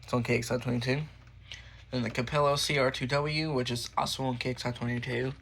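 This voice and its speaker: A man with a medium-pitched, fairly bright voice, level in tone and touched with vocal fry, speaks a little fast. He's a radio collector hosting an easygoing, meandering show-and-tell, muttering and lightly swearing while weather radios play.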